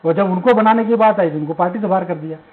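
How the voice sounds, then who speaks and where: A man's voice: high voice, fast. A man arguing as a panelist in a televised debate, emphatic and full of rhetorical questions. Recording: tinny phone-line audio.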